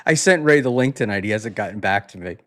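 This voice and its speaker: A man's voice: on the low side, expressive, fairly bright tone. A man hosting a casual talk show, chatting loosely, with many fillers and false starts. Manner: rambling, halting, many fillers and restarts. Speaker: podcast host. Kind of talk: casual chat.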